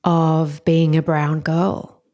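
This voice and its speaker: A woman hosts a podcast interview and asks questions with thoughtful, gentle phrasing. She speaks unhurriedly and at length, in a warm, mellow tone that sits slightly low. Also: little pitch movement, drawn-out words. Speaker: podcast host.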